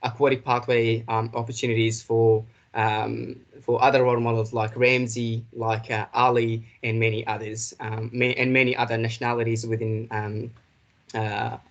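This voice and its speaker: A man giving a professional development talk, speaking with many ums and restarts. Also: medium pitch. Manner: hesitant, many fillers and restarts. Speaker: presenter.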